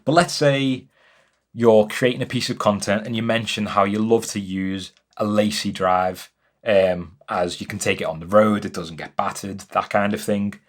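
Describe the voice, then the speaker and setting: Brief: young guy, slightly low voice, enthusiastic and chatty, home studio explainer. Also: fairly even intonation, moderate pace. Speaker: music business educator. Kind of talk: casual to-camera explainer. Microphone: camera-mounted mic.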